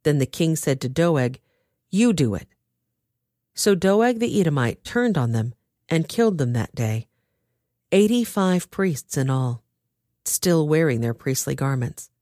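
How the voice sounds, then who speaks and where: A woman reading a Bible story aloud with expressive storytelling. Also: sits low, measured pace, no room sound, studio quality. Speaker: scripture reader.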